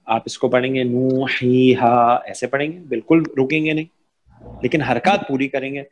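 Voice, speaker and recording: A man's voice: mid-range voice, fairly quick. A man teaching an online Arabic and Tajweed class, patiently explaining rules and modelling the sounds.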